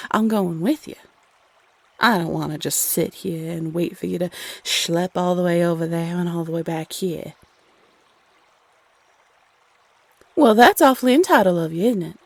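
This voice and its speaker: A woman's voice: lowish voice, vocal fry, husky, no echo, exaggerated voice. A woman playing a playful, teasing Cupid, a bossy love goddess who chats sassily and uses pet names in an audio roleplay. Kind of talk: scripted audio roleplay addressed to the listener.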